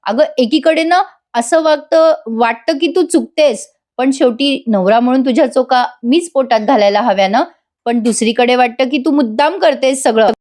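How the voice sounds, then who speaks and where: A woman's voice: sits high, normal speed, a little mellow, close to an everyday voice. A woman voicing an exasperated young husband who questions and scolds his wife, in a serial retold as a story. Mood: soothing.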